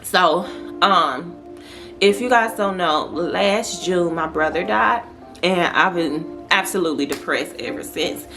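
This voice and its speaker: A woman's voice: fairly low pitch, slow pace, a bit bright. A woman, talking casually to camera in a sit-down vlog, with plenty of fillers and restarts. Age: 30s. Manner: talkative, conversational, with frequent fillers and restarts. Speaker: vlogger. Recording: music playing in the background.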